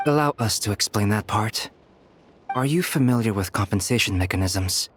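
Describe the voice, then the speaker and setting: An actor playing a composed, analytical researcher in a video game, explaining things patiently and precisely. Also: male voice, lowish voice, animated, normal speed, fairly bright tone, a little hiss or hum. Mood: calm, explanatory. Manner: didactic, precise. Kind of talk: video game character dialogue.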